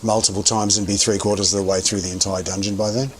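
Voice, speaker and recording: A man's voice: on the low side, little pitch movement, quick pace, a little hiss or hum. A man streaming a game and chatting casually, thinking aloud with lots of restarts while chewing gum. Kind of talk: casual gameplay commentary.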